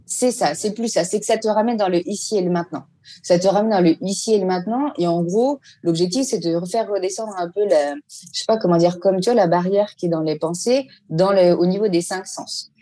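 A woman teacher casually explaining a mindfulness exercise step by step, pausing often to search for words. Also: fairly low pitch, dark tone. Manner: explains step by step with frequent hesitations. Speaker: teacher giving mindfulness advice.

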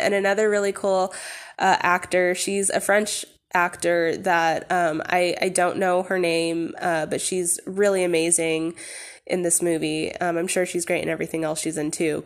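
A woman hosting a podcast in a casual, candid personal monologue, rambling with lots of fillers and swearing freely. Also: on the low side. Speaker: podcast host.

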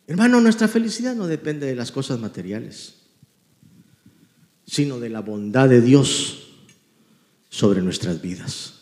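A man preaching a sermon as pastor, fervent and shouting at peaks, then dropping to quiet storytelling. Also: mid-range voice, expressive, unhurried, long pauses, roomy sound.

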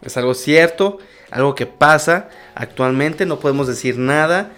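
A man's voice: on the high side, moderate pace, fairly bright tone, soft background music. A man with a Mexican accent in a casual comedic monologue, crude and rambling, swearing constantly, jumping between topics and laughing at his own jokes.

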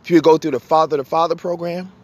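Fiery, high-voiced man ranting bluntly. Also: steady tone, fast talker, darkish tone. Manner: fiery, blunt and profane, preaching hard; emphatic, repeats points for force. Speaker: podcast host. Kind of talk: impassioned monologue.

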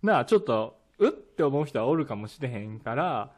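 A man with a Kansai accent, co-hosting a casual podcast, telling a story with animated delivery and playful engine-revving sounds. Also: mid-range voice, fairly quick. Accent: Kansai Japanese. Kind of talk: casual chat. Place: podcast recording.

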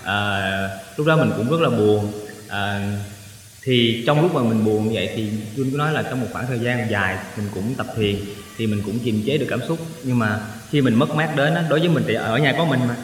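A man's voice: medium pitch, fairly quick. A male singer chatting as a guest, earnest and talkative, often stopping to fix a word he has just used. His voice sits in the middle range. The recording is roomy, with a long hall reverb trailing each phrase. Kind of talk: casual chat.

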